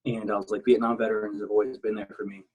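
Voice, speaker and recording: A man's voice: lowish voice, little pitch movement, fast talker, a little mellow, poor audio. A man from South Texas talking casually as a podcast guest, candid and rambling, swearing freely. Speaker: guest, military veteran.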